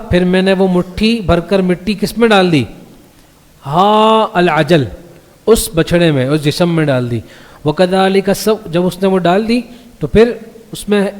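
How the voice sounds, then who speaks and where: A man teaching a class on the Quran in a mosque. He reads each verse slowly, explains it, and keeps checking that his listeners follow. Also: sits high. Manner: recites the Arabic verses slowly before translating them. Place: mosque hall. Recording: long reverb of a mosque hall.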